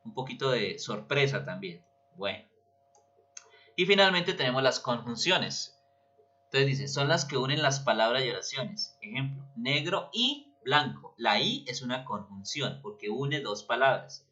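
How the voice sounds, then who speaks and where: A man's voice: medium pitch, lively intonation, normal speed, pushed and bright. A man teaching a grammar lesson, patiently explaining and often checking that students follow. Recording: dull lo-fi recording.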